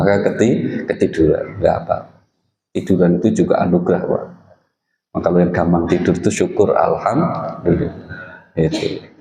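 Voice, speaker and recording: Gravelly-voiced man preaching in an echoey mosque. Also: sits low, darkish tone, slight background noise. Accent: Indonesian. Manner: addresses listeners as "Pak", folksy humor. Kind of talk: dawn mosque sermon. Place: mosque hall. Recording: echoey hall with long reverb.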